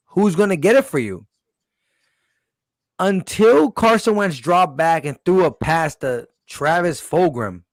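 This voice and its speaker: Hosting a postgame sports talk show for his podcast, a man with a voice on the high side is emphatic and insistent, nearly losing his voice and repeatedly saying "listen." There's no room sound.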